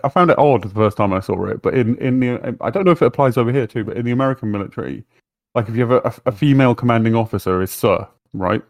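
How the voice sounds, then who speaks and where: A man's voice: mid-range voice, fast talker, no echo. A man from Britain co-hosting a casual podcast chat, thoughtful, repeating words as he works out his point. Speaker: podcast co-host.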